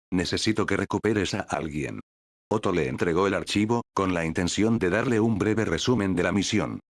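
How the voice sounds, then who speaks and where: A man reading a fan fiction story as scripted audiobook narration, in an even, steady manner. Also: on the low side, dry recording, studio quality.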